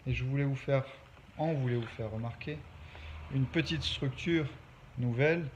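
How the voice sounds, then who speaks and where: A man's voice: mid-range voice, normal speed. A man who teaches English, explaining a lesson step by step and stopping to check that his pupils follow. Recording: dull lo-fi recording, faint background noise.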